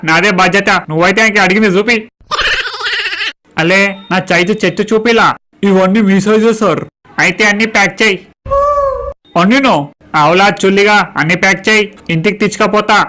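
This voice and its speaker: A man's voice: high-pitched, brisk, sharp tone. A man, swearing through brash banter in a comic skit. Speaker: comedy skit performer. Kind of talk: crude comic skit dialogue.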